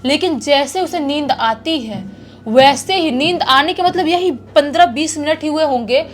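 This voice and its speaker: A woman's voice: sits high, unhurried, slight background noise. A woman telling a true horror story in a chatty, casual way, often repeating words for effect.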